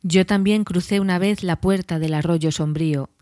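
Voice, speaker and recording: A woman's voice: fairly low pitch, steady tone, moderate pace, dark tone, no echo, clean studio sound, natural voice. A woman voicing Aragorn, a weathered and watchful ranger, solemn in tone.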